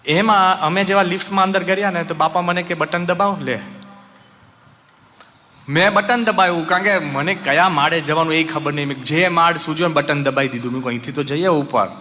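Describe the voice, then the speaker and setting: Gujarati-accented monk, lively storyteller, bright tense voice, slightly high, long hall echo. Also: male voice, a little hiss or hum. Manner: animated storyteller, acting out voices and chants. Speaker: monk giving a religious discourse. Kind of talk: storytelling sermon.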